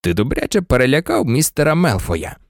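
A reader voicing a calm, kindly male teacher who speaks low and quietly with gentle amusement. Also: fairly quick, creaky, dry recording, clean studio sound.

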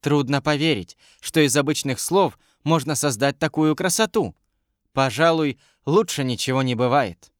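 A man's voice: on the high side, moderate pace, no room sound, studio quality, close to an everyday voice. A man reading an audiobook, voicing a curious, commanding young queen with a lightly raised voice. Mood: dreamy.

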